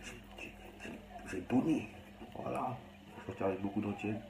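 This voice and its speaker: A man's voice: on the low side, normal speed, vocal fry, echoey room, noisy background. A young man with a Cameroonian accent talks bluntly and rambles in a casual, slangy monologue. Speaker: vlogger.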